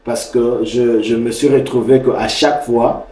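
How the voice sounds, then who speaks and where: A man's voice: mid-range voice, fairly even intonation, a little slow, roomy sound, a loud crowd, poor audio. A man from Congo, a pastor speaking measuredly on a talk show with many hesitant fillers. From Congo (DRC). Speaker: pastor and prophet, guest author.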